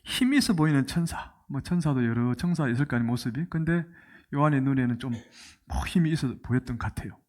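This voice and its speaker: A man's voice: mid-range voice, fast talker. A middle-aged man preaching a sermon as a pastor, telling the story with animation and asking the congregation questions. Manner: animated storytelling, asks the congregation questions and acts out quoted lines.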